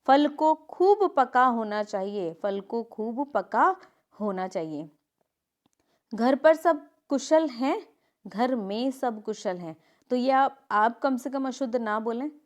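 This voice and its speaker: A woman teaching a grammar lesson, reading example sentences and correcting them with quick asides. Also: on the high side, expressive.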